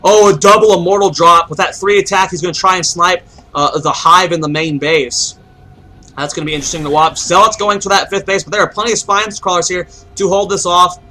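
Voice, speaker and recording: A man's voice: high-pitched, fairly even intonation, brisk, sharp tone, slight background noise, poor audio. A young man giving solo play-by-play commentary on a strategy game match, rambling and thinking aloud with restarts. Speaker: game caster.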